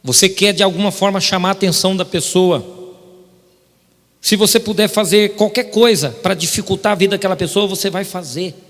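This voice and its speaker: Male preacher, emphatic and direct with the congregation; slightly high voice, booming church hall. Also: fairly quick, fairly bright tone. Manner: emphatic, repeatedly addressing the congregation. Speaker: pastor. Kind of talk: sermon testimony. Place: church sanctuary.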